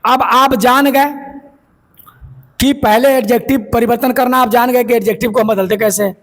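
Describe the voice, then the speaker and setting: A man's voice: very high voice, steady tone, normal speed, a bit bright. A man teaching English grammar as a lecture, explaining step by step and asking and answering his own questions. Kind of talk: classroom lecture.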